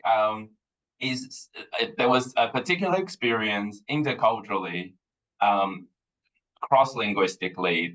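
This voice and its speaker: Man, thirties, from Taiwan, measured podcast guest, fairly low pitch. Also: a bit bright, poor audio. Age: 30s. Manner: thoughtful, measured, with frequent ums. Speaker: guest educator. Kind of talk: podcast interview.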